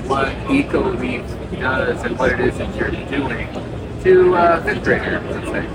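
A man hosting an interview in a chatty, rambling way, heard as a low quality stream. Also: unhurried, very noisy. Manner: chatty, rambling, self-deprecating. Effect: low quality stream, muffled and distant. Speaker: host, interviewer. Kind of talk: casual interview. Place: trade show floor. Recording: distant lo-fi audio with loud music.

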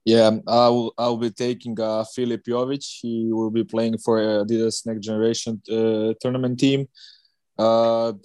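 A man from Serbia speaks as a podcast guest. His voice is low and mellow, and he stays very flat and steady. The sound is dry. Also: normal speed, clear, resonant tone, no echo.

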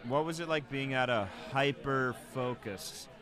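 Joking male host, crowd chatter behind. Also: medium pitch. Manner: joking, asks quick questions. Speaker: podcast host. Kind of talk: casual podcast chat.

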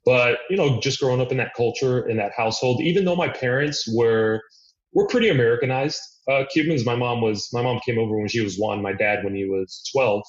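A man's voice: medium pitch, brisk. Earnest man in an echoey room. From Miami, United States. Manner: earnest, thinking aloud with restarts and "you know". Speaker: podcast guest. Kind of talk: reflective conversational interview. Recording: echoey room, dull lo-fi sound.

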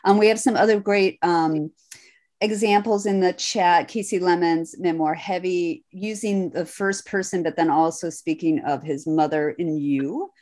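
A woman hosting an online writing panel, reading out chat comments and handing questions to her guests in a relaxed way with frequent ums. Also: fairly low pitch, measured pace. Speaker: host.

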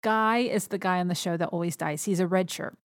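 A woman's voice: lowish voice, a little fast, dry recording, clean studio sound. A woman hosting a podcast in an enthusiastic, chatty way. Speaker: podcast host. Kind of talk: casual chat.

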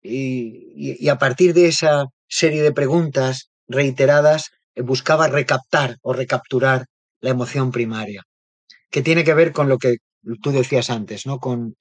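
A man's voice: medium pitch, steady tone, measured pace, no room sound. A man, a therapist being interviewed, explaining ideas thoughtfully and often checking in with little tag questions. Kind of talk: reflective interview talk.

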